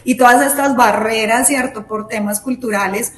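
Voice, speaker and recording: A woman's voice: a little high, fairly even intonation, normal speed, fairly bright tone, a little hiss or hum. A woman, a guest in a casual interview, who explains things step by step and gives examples. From Latin America. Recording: echoey room.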